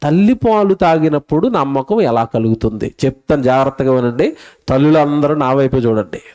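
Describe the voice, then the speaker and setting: A man giving a lively sermon as a pastor, asking the congregation questions and acting out a baby's voice. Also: mid-range voice, fairly quick. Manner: animated preaching, asks the crowd questions; acts out a crying baby's voice.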